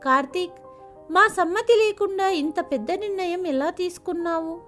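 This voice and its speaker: A woman's voice: very high-pitched, moderate pace, fairly bright tone, soft background music. A woman voicing a worried caring mother. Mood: hurt scolding. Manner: pleading, scolding.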